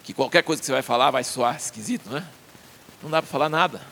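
A man's voice: mid-range voice, quick pace, creaky, bright, forceful tone. A man preaching a sermon in a conversational way, asking his listeners questions.

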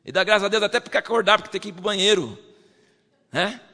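A man preaching a sermon, lively, acting out believers in quoted voices. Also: high voice, racing, creaky, long reverb tail.

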